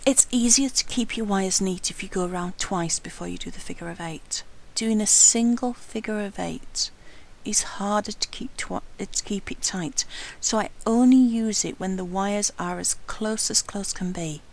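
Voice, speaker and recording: Gravelly-voiced woman teaching a craft. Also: medium pitch, normal speed, rough recording. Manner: calm, careful, talks while working with hands. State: has hiccups. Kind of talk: hands-on craft tutorial narration.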